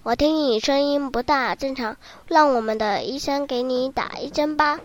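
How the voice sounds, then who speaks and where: A woman voicing a wise and brave male sheep king, calm and courteous, in a children's story. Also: high-pitched, moderate pace, natural voice. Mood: composed.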